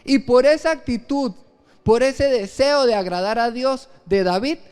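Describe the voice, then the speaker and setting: High-voiced earnest male pastor preaching. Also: unhurried, darkish tone, smooth. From Venezuela. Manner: earnest storytelling with restarts. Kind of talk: live sermon. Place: church service.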